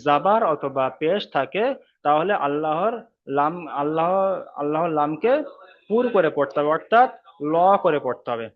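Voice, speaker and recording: A man's voice: fairly high pitch, phone-quality sound. A man teaching Quran reading in an online class, explaining each rule step by step, repeating it, and drawing out the recited example words.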